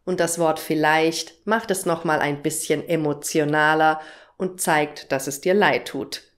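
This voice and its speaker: A young woman teaching German, explaining everyday phrases and their pronunciation with example sentences. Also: lowish voice. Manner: slow, clear explanatory delivery with example phrases.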